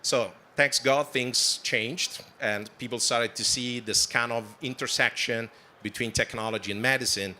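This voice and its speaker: A man in his forties from southern Italy with an Italian accent, a company founder telling his story in a fast, animated way on a conference panel. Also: mid-range voice, slight background noise. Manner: fast, animated storytelling with non-native phrasing. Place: conference stage.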